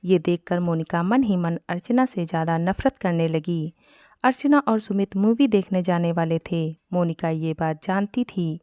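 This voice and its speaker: A woman narrating a family storybook in a steady, plain reading style. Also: lowish voice, moderate pace, no echo, studio quality.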